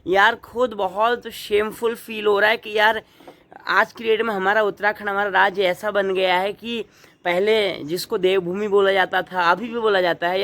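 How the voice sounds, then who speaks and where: Indignant high-voiced man vlogging. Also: a bit bright. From Uttarakhand, India. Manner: earnest, indignant, asks the viewer rhetorical questions. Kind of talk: opinion commentary to camera.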